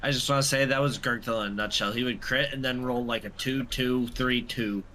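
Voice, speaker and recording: Guy talking thru his game turn, bright lively voice, bit of background noise. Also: mid-range voice, brisk. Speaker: tabletop game player. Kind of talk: casual game talk.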